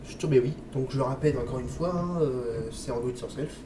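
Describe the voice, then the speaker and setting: A man with a mid-range, brisk voice reviews vape liquids in a casual vlog, stuffy with a cold and coughing. He's chatty, hesitant and friendly, often pausing to talk to his viewers and repeatedly saying "les amis" and "hop." The noisy recording comes from a distant mic in an echoey room.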